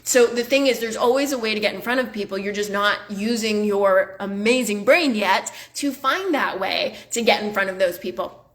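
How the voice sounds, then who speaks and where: A woman's voice: mid-range voice, moderate pace, fairly bright tone. A woman hosting a motivational podcast, talking bluntly and emphatically, swearing casually and filling her talk with "like". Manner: chatty, many "like" fillers. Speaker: podcast host and business coach.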